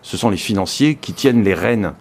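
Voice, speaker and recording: A man's voice: on the low side, expressive, a little fast, breathy edge. A male radio host chatting casually, joking and cutting in with short questions. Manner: joking, interjects briefly. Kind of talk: casual studio chat.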